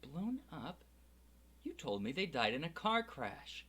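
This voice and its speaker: A man's voice: high-pitched, wildly swooping pitch, takes it slowly, slightly rough, pitched above the performer's own voice, heavily acted. A man voicing a bewildered young boy who asks stammering, urgent questions in an audiobook reading.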